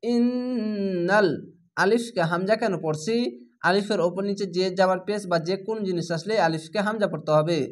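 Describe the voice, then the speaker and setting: A man with a Bangladeshi Bengali accent teaching Quran reading, spelling each word letter by letter and then reciting it slowly. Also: sits high.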